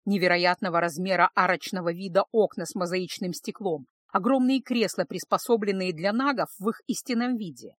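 A woman's voice: fairly low pitch, no room sound. Woman narrating an audiobook, dry and close. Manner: steady, expressive reading. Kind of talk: first-person audiobook narration.

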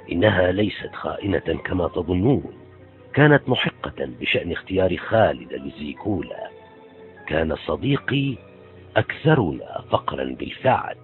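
A man reading a novel aloud, voicing an earnest young man who loyally defends his friend. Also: low-pitched. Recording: tinny phone-like sound, faint music.

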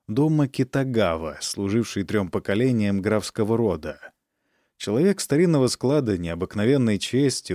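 A man narrating a literary novel as an audiobook in a measured, dramatic reading. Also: on the low side, warm tone, no echo, studio quality.

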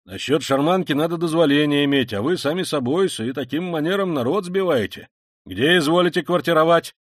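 Guy doing a bossy street cop, curt and loud, dry audiobook read. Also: on the high side, animated, a little fast, no echo, pitched above the performer's own voice. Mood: officious. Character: stiff male street policeman, officious.

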